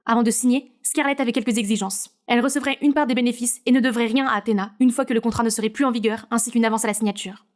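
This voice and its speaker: A woman narrating an animated story in a brisk, chatty way with asides to the listener. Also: fairly high pitch.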